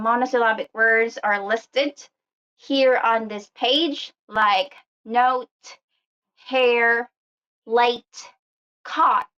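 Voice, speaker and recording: A woman giving a slow, explanatory English pronunciation lesson, often pausing with "um" and "uh". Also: a little high, fairly bright tone, lo-fi sound. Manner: frequent "um" and "uh" fillers.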